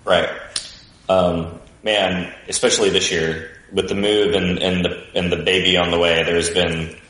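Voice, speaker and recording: A man with a low voice and a bright, forceful edge, chatting easily as a guest. His speech rings with a cave-like echo, as if he is deep in a cavern. He sounds like he is recording from a basement room. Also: measured pace. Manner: relaxed, chatty and talkative. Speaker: podcast guest. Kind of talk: casual chat.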